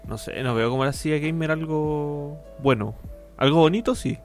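A man's voice: on the high side, moderate pace, soft background music. A young man with a Chilean accent co-hosting a podcast, talking in a laid-back, slangy way. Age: young adult. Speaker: podcast co-host. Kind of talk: casual podcast chat.

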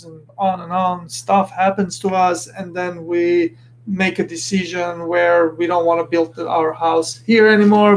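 A Lebanese podcast host with a high-pitched voice speaks earnestly in a casual motivational monologue. He frequently restarts as he searches for the right words.

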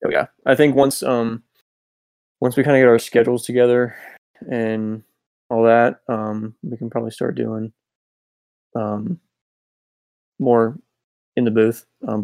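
A worn-out young man co-hosting a podcast late at night over a voice call. He talks in a low-key way, filling pauses with ums. His pitch is middling, and the audio is close and dry with no echo. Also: level tone, gravelly, a little mellow. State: tired. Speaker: podcast co-host. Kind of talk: casual chat. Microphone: Discord voice call.

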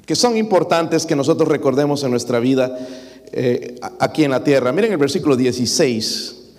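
A man, preaching a lively sermon to his congregation and acting out the people he quotes. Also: medium pitch, normal speed. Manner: lively preaching, dramatic quoted voices, addresses congregation as brothers. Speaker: pastor. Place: church hall. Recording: long reverb of a church hall.

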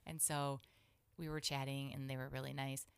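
A low-voiced woman with a gravelly edge and a bright, forward tone, chatting casually as a co-host. She tells lively stories, jumping up in pitch or dropping to a whisper to act out the people in them. The sound is close and dry. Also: normal speed, dry recording. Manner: animated, acts out quotes with pitch jumps and whispers. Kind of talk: casual storytelling chat.

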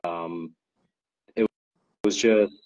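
A man's voice: low voice, steady tone, drawn-out words, darkish tone, lo-fi sound. A man chatting as a podcast guest, rambling with lots of ums and likes and frequent laughs. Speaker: guest co-owner describing an ultra race. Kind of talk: casual podcast chat.

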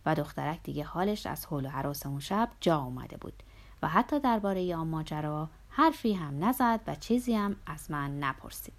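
Low-voiced woman reading a novel. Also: animated. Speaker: audiobook narrator. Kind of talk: audiobook narration.

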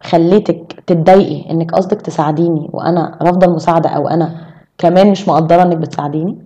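Fast-talking Egyptian woman, low dark voice. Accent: Egyptian Arabic. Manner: animated, explaining with quick examples. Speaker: podcast guest. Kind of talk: casual chat.

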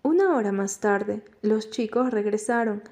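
A woman reading a novel aloud in first person as an audiobook narrator, at a steady, measured pace. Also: mid-range voice.

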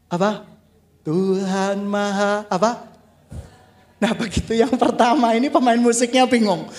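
A man preaching a sermon as a worship leader, animated and laughing often, swinging between loud outbursts and quiet asides. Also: very high voice, normal speed.

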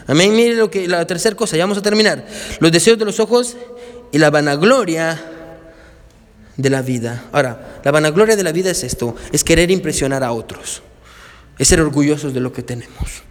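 A man preaching an animated sermon as pastor, asking the congregation questions and repeating "hermano" and "amén", in a church with long reverb. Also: fairly high pitch, a little fast.

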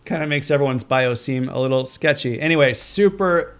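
A man's voice: mid-range voice, a little fast, clean tone. A man hosting a podcast, reading a guest introduction and then talking in an earnest, reflective way with plenty of fillers. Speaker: podcast host. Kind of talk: podcast intro and interview chat.

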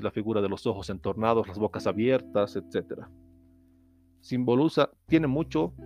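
Man giving a steady art-history lecture. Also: medium pitch. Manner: steady explanatory tone, occasional restarts. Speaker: host. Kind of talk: educational lecture.

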